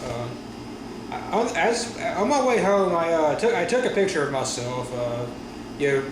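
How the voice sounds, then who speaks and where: A man talking casually in a personal vlog after wisdom teeth surgery, with a sore stiff jaw, halting and often correcting himself. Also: on the high side. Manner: halting, rambling, frequent self-corrections. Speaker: vlogger. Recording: roomy echo with steady room noise.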